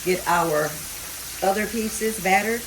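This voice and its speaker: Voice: mid-range voice, slow pace, background noise. A home cook giving a casual, plainspoken step-by-step cooking tutorial, repeating the key points. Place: home kitchen beside frying food. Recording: loud frying sizzle over the voice. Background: sizzling oil and kitchen sounds.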